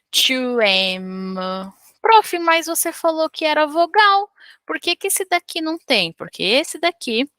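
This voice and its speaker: A woman's voice: fairly high pitch, pushed and bright, no echo. A woman with a Brazilian Portuguese accent teaching French grammar, patiently drilling verb conjugations step by step. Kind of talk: whiteboard grammar lesson.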